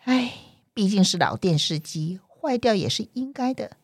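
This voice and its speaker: A woman with a Taiwanese accent voicing a sentimental, good-natured father in a children's story, expressive and fond of old things. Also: medium pitch, moderate pace, slightly rough, no room sound, studio quality, pitched above the performer's own voice. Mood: resigned.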